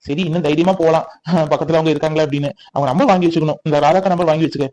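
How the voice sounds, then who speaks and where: A man's voice: fairly high pitch, fairly even intonation, very fast, dark tone, natural voice, rough recording. A man playing a protective young husband who reassures his wife firmly. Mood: reassuring. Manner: firm, reassuring, bossy. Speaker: actor. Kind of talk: family comedy-drama acting.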